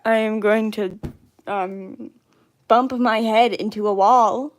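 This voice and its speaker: A woman's voice: mid-range voice, steady tone, slow. A young woman chatting on a livestream while writing a script, repeating phrases to herself as she works.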